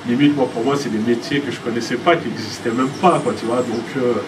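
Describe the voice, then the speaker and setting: A man's voice: medium pitch, fairly even intonation, fairly quick. A man in his thirties from France, answering interview questions casually with many fillers and restarts. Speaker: filmmaker interviewee. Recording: distant mic with air-conditioning hum.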